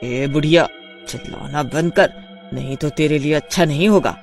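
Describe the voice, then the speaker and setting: A man voicing a cruel, bossy witch daughter-in-law in a cartoon story, shouting threats and orders. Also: fairly high pitch, moderate pace, gravelly, soft background music. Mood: scolding, menacing. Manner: loud, scolding, threatening.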